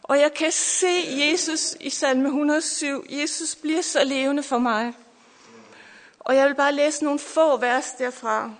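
A woman's voice: high-pitched, steady tone. A middle-aged woman preacher giving a fervent, emotional sermon and testimony, repeating hallelujah, her voice at times breaking with tears. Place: church or camp meeting hall. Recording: long hall reverb.

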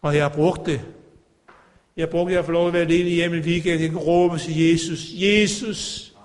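A man's voice: a little high, flat delivery, a little mellow, in a large hall. A man preaching a sermon to a congregation, fervent and calling out. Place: church.

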